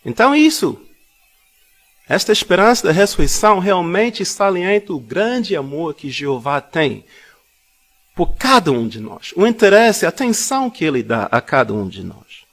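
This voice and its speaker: Man, public Bible talk, high voice, lively pitch, repeats phrases for emphasis. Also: normal speed. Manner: tells personal anecdotes. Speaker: congregation speaker.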